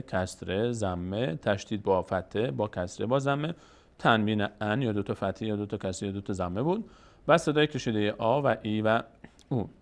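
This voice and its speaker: Patient man teaching recitation rules. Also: medium pitch. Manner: patient, asks and answers his own questions, draws out example words slowly. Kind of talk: step-by-step lesson.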